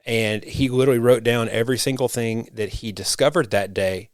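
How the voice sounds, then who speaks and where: A man's voice: medium pitch, brisk, dry recording, clean studio sound. A man hosting a podcast and serving as a rural pastor, talking in a reflective, rambling way with frequent restarts. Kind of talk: casual conversation.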